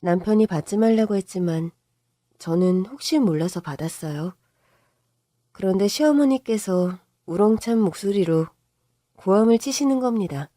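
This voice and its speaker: A woman narrating a first-person family story in a measured, confiding way. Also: mid-range voice, warm tone, dry recording, clean studio sound.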